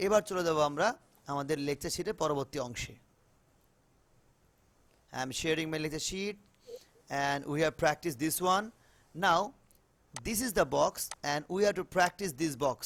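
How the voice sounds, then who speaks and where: Teaching spoken English to students on a video call, a Bengali-accented man switches between Bengali and English and says words slowly more than once. His voice sits on the high side and sounds fairly bright.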